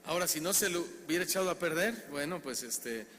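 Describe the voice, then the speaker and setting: A man's voice: fairly high pitch, brisk. A man with a Mexican accent, a pastor preaching a sermon, telling stories and asking the congregation questions. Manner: animated storyteller, asks the congregation questions. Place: church hall. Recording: reverberant hall, faint background noise.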